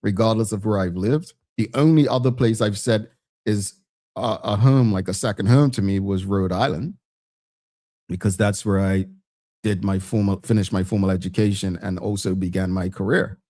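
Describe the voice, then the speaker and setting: A man's voice: on the low side, normal speed, warm tone. A man with a heavy Bermudian accent, hosting a talk show and putting questions directly to his audience in a conversational way. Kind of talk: conversational audience discussion, reading out comments.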